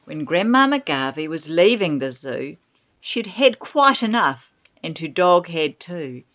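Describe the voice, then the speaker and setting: A woman reading a rhyming children's story aloud in an expressive, dramatic way, with exclamations. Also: deep voice, takes it slowly, lo-fi sound.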